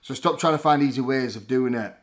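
Male fitness vlogger, 30s, from England, chatty and upbeat, mid-pitched, filmed close up at home. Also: brisk. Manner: enthusiastic, chatty, lots of fillers like "like" and "basically". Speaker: fitness vlogger reviewing gyms. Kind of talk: casual vlog to camera. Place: living room at home, indoors.

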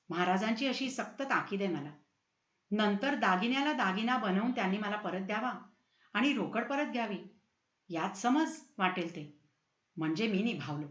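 A woman's voice: a little high, fairly bright tone, roomy sound, dull audio. A woman voicing a passionate, hot-tempered young prince in a storybook reading.

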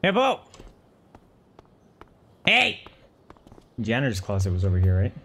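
A man's voice: on the low side, wildly swooping pitch, a little slow, a bit bright. A young man giving casual gameplay commentary as a streamer, playfully shifting between baby talk and muttering. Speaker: game streamer.

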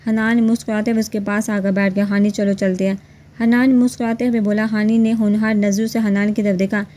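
A woman narrating a romance novel in a steady, even reading voice. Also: a little high, brisk. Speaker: storyteller.

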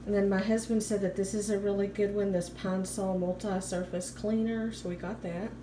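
An American woman in her thirties, a vlogger holding a phone, chats informally as she narrates a haul in her home kitchen. Her voice is mid-range and level at a moderate pace, and the clear recording picks up background room noise.

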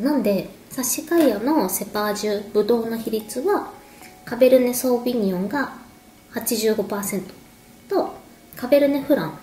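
A woman in her thirties who hosts wine explainer videos talks casually to camera while sipping a drink and snacking. Her medium-pitched voice is warm, with slight background noise. She is in an echoey room at home, with music playing behind her.

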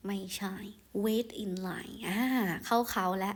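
A young woman tutoring exam English, reading each sentence aloud, then translating and explaining patiently in a soft, friendly way. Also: medium pitch, steady tone, slow. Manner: soft, friendly tone with frequent polite particles. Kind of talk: exam-prep lesson, explaining answers.

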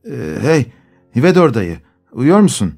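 A man voicing a pushy young coachman who wheedles and hesitates with a drawn-out "e" sound. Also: medium pitch, animated, a little mellow, faint music behind, lightly acted. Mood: wheedling. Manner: nudging, starts lines with hesitant "e".

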